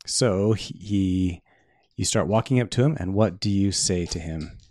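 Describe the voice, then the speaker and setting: A man's voice: low voice, measured pace, darkish tone. A middle-aged man running a family tabletop game as game master, patiently guiding and explaining the rules to his kids.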